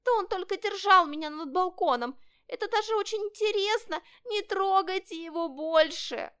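A woman's voice: normal speed, fairly bright tone. A woman voicing a little kitten in a storybook reading, begging shrilly on a friend's behalf. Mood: pleading. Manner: shrill, imploring.

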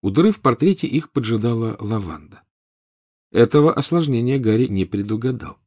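A man narrating an audiobook in a measured, expressive reading. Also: mid-range voice. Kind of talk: scripted narration.

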